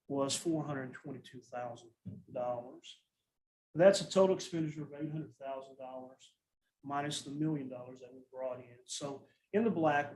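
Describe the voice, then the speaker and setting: A man, a school nutrition director, presenting a financial report at a school board meeting in a steady, matter-of-fact way, often restarting his sentences. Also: a little high, slight background noise, poor audio.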